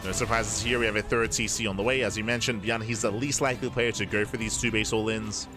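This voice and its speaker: This live StarCraft commentary comes from a man whose voice is lowish, fast and fairly even in intonation. He breaks down the play analytically, repeating phrases to stress his points, with music running underneath.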